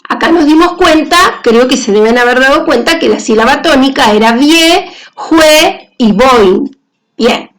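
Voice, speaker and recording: A woman teacher giving a grammar lesson on accent marks, talking carefully through example words on slides. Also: sits high.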